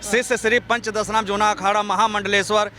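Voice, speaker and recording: A man's voice: high-pitched, level tone, fairly quick, sharp tone, faint music behind. A man, a protesting monk, speaks, accusing and impassioned. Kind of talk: street interview. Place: outdoors by a street.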